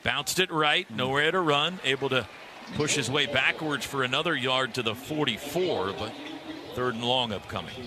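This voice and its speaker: An American man calls live football play-by-play for radio from an outdoor stadium, using clipped, punchy phrases. His voice is medium-pitched at a moderate pace, and the broadcast is clearly noisy with crowd sound.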